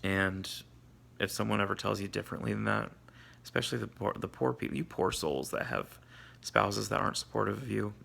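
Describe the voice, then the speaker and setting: A man's voice: on the low side, brisk, gravelly, a bit bright, husky. A man, groggy and sore after surgery, talking in a casual, candid video diary with salty, self-deprecating asides. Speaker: vlogger.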